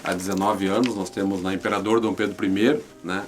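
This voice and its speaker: A man's voice: sits low, steady tone, brisk, noisy background. A man with a southern Brazilian accent from Rio Grande do Sul, answering conversationally as an interview guest, repeating words and often seeking agreement with little tags. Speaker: interview guest, regional newspaper representative.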